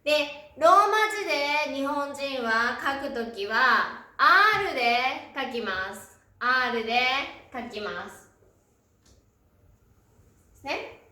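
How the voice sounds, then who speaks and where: A woman with a high, bright voice leads a pronunciation lesson at a very slow, careful pace. She says each syllable slowly and clearly and fills the gaps with soft murmurs. The room is very echoey. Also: very animated. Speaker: Japanese teacher.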